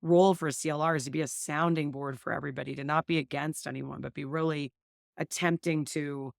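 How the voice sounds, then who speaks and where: A woman's voice: deep voice, gravelly, no echo, clean studio sound. A woman hosting a family law podcast, talking earnestly and thinking aloud. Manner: earnest, thinks aloud with many 'like' and 'right'. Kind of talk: casual conversation.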